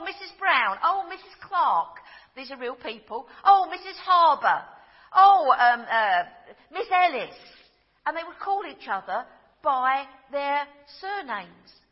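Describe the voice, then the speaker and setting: A woman giving a gentle storytelling sermon. She tells simple stories and grows soft and slow at the tender moments. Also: sits high. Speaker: preacher. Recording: dull sound with long hall reverb.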